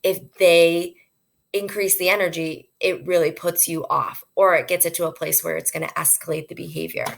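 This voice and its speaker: Low, gravelly-voiced woman educator. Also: flat delivery, normal speed. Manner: earnest and conversational, explains with everyday examples. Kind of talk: informal instructional talk to parents.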